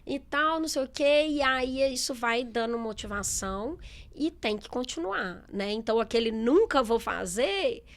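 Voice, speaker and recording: A middle-aged businesswoman in a relaxed interview, talking candidly with many fillers and quoted asides. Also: fairly high pitch, normal speed. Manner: chatty, candid, lots of fillers and quoted speech. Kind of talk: casual interview talk.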